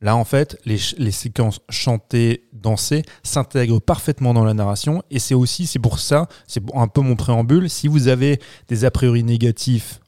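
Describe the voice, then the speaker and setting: Chill guy on a film podcast, warm low tone, dry close sound. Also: normal speed, hardly any pauses, no echo. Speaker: podcast co-host. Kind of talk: casual podcast chat.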